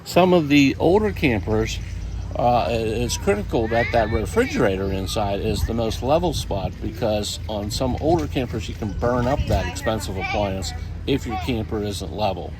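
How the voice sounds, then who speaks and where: A man's voice: lowish voice, lively intonation, normal speed. Folksy older man outdoors, noisy background. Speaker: RV camping vlogger. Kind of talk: casual instructional vlog. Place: outdoors beside a parked camper.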